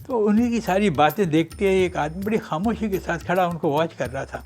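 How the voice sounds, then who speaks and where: Joking male radio host, slightly high voice. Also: animated, a little mellow. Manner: chatty, joking, acts out quotes. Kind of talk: humorous radio storytelling.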